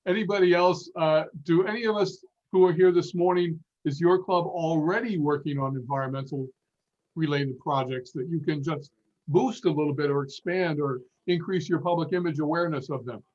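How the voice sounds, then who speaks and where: A man's voice: a little high, moderate pace, a little mellow. A man hosting a video call seminar, upbeat and thanking each speaker in turn. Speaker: seminar host. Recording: muffled video call audio.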